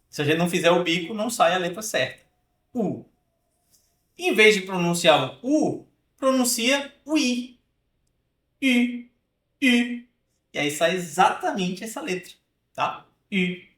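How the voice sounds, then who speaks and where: A high, fairly bright male voice with a roomy sound leads an online lesson on French pronunciation. He slowly drills the sounds, explaining as he goes and frequently checking in with "né?" and "tá?".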